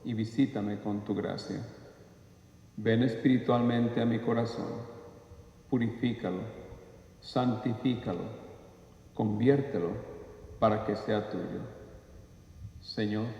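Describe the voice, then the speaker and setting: Slow gravelly voice in cathedral echo. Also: male voice, fairly low pitch, mellow. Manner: slow, devout recitation of prayers. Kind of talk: liturgical prayer and responses. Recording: dull church recording with long echo.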